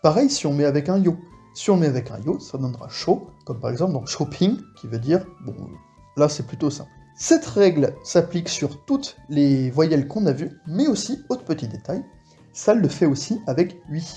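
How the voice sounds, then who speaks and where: A man explains a lesson in a relaxed, casual way, slowing down to repeat example words. His voice sits a little high and swings widely in pitch, with a mellow, dark tone. Faint music plays behind him. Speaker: Korean language teacher.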